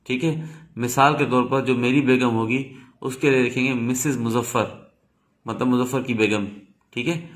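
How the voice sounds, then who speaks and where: A man's voice: medium pitch, fairly bright tone. Man teaching English patiently. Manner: explains patiently, mixing English words and asking questions back. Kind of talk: video lesson.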